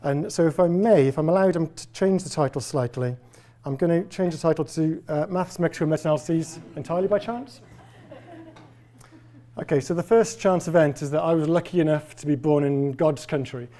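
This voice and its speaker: A Welsh professor in his forties delivers a public lecture to a live audience in a lecture hall. His male voice is mellow, a little high, and fairly quick, with a faint Welsh accent. He keeps things conversational, wry, and self-deprecating.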